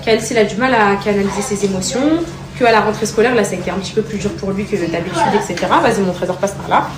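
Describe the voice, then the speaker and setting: A woman's voice: medium pitch, quick pace, crowd noise. A mother who speaks tenderly and showers her children with pet names, then chats casually to her followers. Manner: chatty, addresses her followers as girls. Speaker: mother and vlogger. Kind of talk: casual vlog talk. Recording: roomy and noisy, from a distance.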